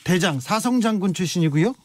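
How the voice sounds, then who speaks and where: High, animated male radio host. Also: a little fast, no room sound. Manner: lively, joking interviewer. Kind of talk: radio talk show hosting. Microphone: studio microphone.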